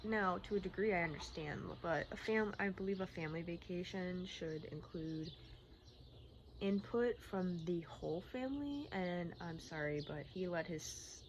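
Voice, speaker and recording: A woman talking candidly in a personal vlog, in a rambling, halting, casual way, often repeating herself. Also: fairly low pitch. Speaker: personal vlogger. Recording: clearly noisy outdoor-like ambience, birdsong. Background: birdsong and environmental noise.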